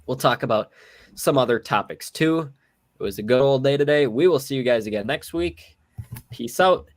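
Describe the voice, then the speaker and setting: With lively intonation, a medium pitch and a moderate pace, the young podcast host leads a casual chat. He sounds sick and weary but keeps the conversation easygoing while running the segment.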